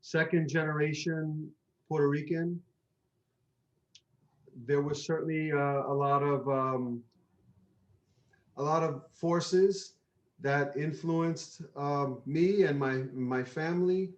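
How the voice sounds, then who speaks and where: A man from the Bronx speaking as a guest in an interview, measured and thoughtful, with many pauses. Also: on the high side, fairly even intonation. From New York (the Bronx). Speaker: guest, father. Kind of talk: reflective interview talk. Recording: roomy, dull lo-fi sound.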